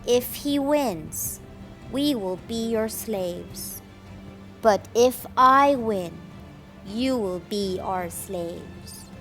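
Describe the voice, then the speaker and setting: A woman's voice: a little high, expressive, drawn-out words, a bit bright, faint music behind, full character voice. A woman voicing a huge, bullying male giant soldier in a children's storybook, bellowing and taunting. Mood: taunting challenge. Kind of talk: children's storybook read-aloud.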